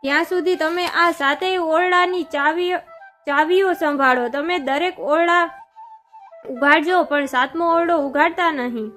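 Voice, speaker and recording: An older Brahmin mother-in-law reassures and warns her bride, voiced by a woman narrator. Her voice is high. She is firm in a devotional storybook reading. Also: a little slow, fairly bright tone, faint music behind.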